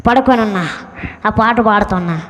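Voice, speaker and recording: A man's voice: high voice, moderate pace, fairly bright tone. A male pastor telling his personal testimony as a sermon, earnestly acting out what others said to him. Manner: earnest storyteller who acts out the voices of others. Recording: long hall reverb.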